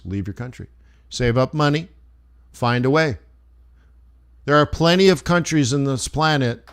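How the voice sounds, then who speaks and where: A man's voice: mid-range voice, smooth. A man hosting a live trading stream, chatting casually with viewers in a rambling, loose and friendly way. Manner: rambling, loose and chummy, many restarts. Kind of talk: casual livestream chat answering viewers.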